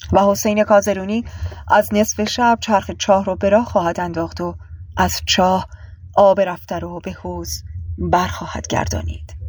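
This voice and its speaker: Breathy woman reading a novel aloud. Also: mid-range voice, dry recording, clean studio sound. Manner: calm, measured reading. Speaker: audiobook reader. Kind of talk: literary audiobook narration.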